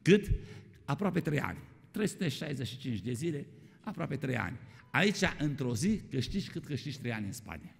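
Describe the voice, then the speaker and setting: A man's voice: mid-range voice, very animated, creaky. A man preaching a sermon in a church hall, often calling his listeners "my dear ones" and putting questions to them. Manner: repeats "my dear ones", asks the congregation questions. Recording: long reverb of a church hall.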